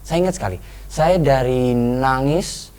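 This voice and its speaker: Casual, earnest guy, dark voice, thinks out loud and backtracks. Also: medium pitch, clean tone, poor audio. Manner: earnest, reflective, halting with restarts. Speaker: guest. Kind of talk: personal storytelling in a talk show.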